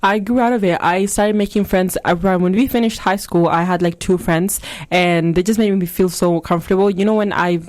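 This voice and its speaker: A woman's voice: on the low side, steady tone, fairly quick, hardly any pauses, a little mellow. A young woman from Spain, co-hosting a casual radio chat, telling stories in a chatty way. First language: Spanish. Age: young adult. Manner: chatty, laughs often, storytelling. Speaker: radio co-host.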